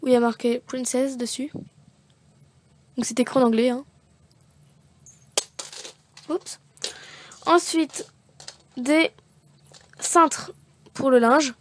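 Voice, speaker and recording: A woman's voice: high voice, takes it slowly, pauses often. A woman chatting casually as she shows off craft and nail art supplies, rambling and correcting herself as she goes. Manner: chatty, rambling, self-correcting with many fillers. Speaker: beauty vlogger showing craft supplies. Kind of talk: casual unboxing chat.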